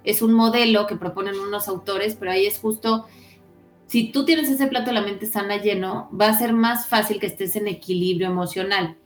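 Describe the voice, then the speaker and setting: A woman's voice: mid-range voice, fairly even intonation, moderate pace, reverberant, faint music behind. A woman psychologist, explaining in casual podcast talk and often ending her points with "¿no?". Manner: explanatory, frequent "¿no?" tags. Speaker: psychologist guest.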